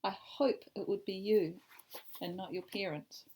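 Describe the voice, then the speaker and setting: A woman's voice: mid-range voice, fairly even intonation, unhurried, breathy edge. A woman, an ESOL teacher reading a picture book aloud and asking her students questions about it. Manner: warm questioning, asks the class about the pictures.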